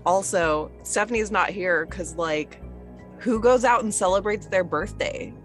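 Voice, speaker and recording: A woman's voice: mid-range voice, unhurried, faint music behind. A woman co-hosting a casual podcast, joking and sarcastic in her banter. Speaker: podcast co-host. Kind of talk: casual chat.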